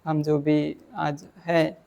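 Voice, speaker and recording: A man's voice: on the high side, completely flat delivery, slow pace, vocal fry, a little mellow, muffled recording. A man giving a dhamma talk, explaining Pali verses in plain words and mixing in English terms. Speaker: Buddhist dhamma teacher.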